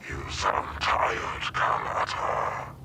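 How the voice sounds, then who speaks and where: A man voicing a menacing enemy warlord who taunts slowly and coldly over a vox link. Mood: cold, curious. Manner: slow, calculating, mocking then coolly curious. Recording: crackly vox transmission with heavy noise.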